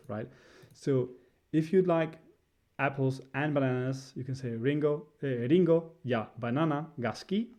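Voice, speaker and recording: A man giving a casual spoken lesson, hesitant and filling pauses with "uh" and "right?". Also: mid-range voice, warm tone. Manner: hesitant, many fillers, frequent "right?". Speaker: language teacher.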